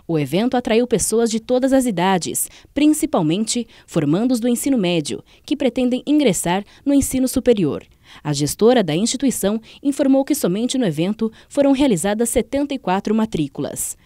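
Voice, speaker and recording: A woman's voice: a little high, animated, moderate pace, warm tone, dry recording, studio quality. Woman reading a news voice-over. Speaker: news reporter. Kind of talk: scripted news narration.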